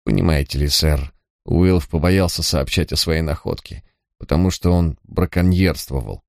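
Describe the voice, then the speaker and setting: A man's voice: sits low, normal speed, creaky, darkish tone, dry recording, studio quality. A man voicing a cautious village priest who speaks carefully and persuasively. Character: cautious male village priest, middle-aged.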